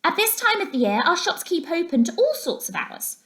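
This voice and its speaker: A woman's voice: very high-pitched, sing-song, a little fast, a bit bright, voice pushed up, exaggerated voice. A woman voicing a small, young male field mouse in a storybook, polite and deferential. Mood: respectful. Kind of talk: children's storybook character voice.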